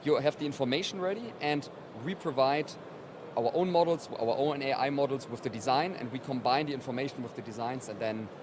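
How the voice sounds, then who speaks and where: A company representative with a mid-range voice talks a little fast, conversationally explaining his product in an interview at a trade event. The busy exhibition hall around him fills the recording with loud show-floor noise.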